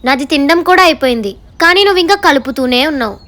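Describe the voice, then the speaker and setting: A woman's voice: high voice, expressive, rapid-fire. A woman playing a weepy oversensitive friend. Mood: caring. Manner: whiny, tearful. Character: overly sensitive weepy young woman friend. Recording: music bed behind voice.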